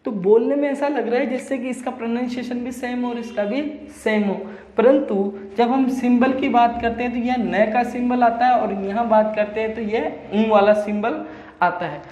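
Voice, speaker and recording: A male teacher giving an exam-prep lecture, explaining slowly and restating each definition in simpler words. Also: very high voice, darkish tone. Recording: echoey room with long reverb.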